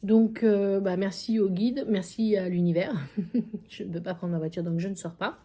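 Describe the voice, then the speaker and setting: A woman's voice: mid-range voice, fairly even intonation, moderate pace, mellow. A woman psychic medium vlogging casually, telling a story with many fillers and repetitions. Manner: chatty, many fillers and repeated phrases. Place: at a friend's country house.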